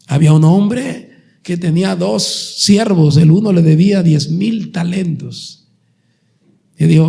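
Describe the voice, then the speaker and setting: A Colombian man preaches in a high, gravelly voice. He moves between fervent, raised passages and quick, conversational asides to his congregation. His delivery is dramatic, and he acts out the parables as he tells them. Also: mellow. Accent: Colombian Spanish. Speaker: pastor. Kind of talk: sermon.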